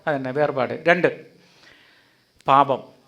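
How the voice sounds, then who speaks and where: A man preaching an animated sermon in a hall before a live audience, calling on listeners to answer aloud. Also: mid-range voice, takes it slowly, creaky. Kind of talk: lively sermon with audience interaction.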